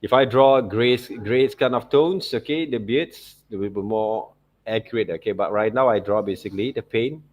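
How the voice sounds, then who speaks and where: An art teacher gives an unscripted, step-by-step drawing tutorial in a low, slightly mellow voice. He speaks haltingly, repeating phrases and often checking in with "okay, right, see."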